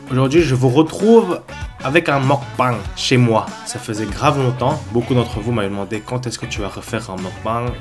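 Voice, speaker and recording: A man's voice: mid-range voice, moderate pace, music in the background. A man with a stuffy, blocked-nose voice from a cold, chatting casually and a little hesitantly to camera as he hosts a food vlog at home. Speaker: host of a mukbang food review vlog.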